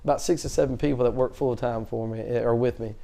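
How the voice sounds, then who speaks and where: A man's voice: medium pitch, vocal fry. A man, a chatty auctioneer telling stories in a casual interview. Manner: fast-talking, chatty, animated storyteller. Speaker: auctioneer, guest.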